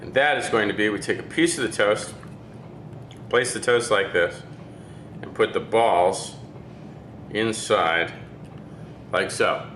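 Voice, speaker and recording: Chef demonstrating a recipe, bright roomy sound. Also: male voice, lowish voice, takes it slowly, pauses often, slight background noise. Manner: step-by-step instructions, frequent "okay?" checks. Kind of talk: cooking demonstration.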